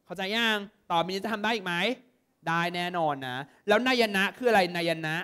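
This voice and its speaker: Brief: young male exam tutor from Thailand, high voice, keeps firing quick check-in questions at the class. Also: clear, resonant tone. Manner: lively, constantly checks understanding with quick questions. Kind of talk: exam prep lesson to students.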